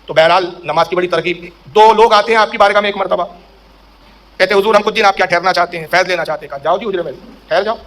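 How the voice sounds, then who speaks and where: High bright-voiced male preacher. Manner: emphatic, rising to loud fervor, asks and answers own questions. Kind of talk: sermon storytelling.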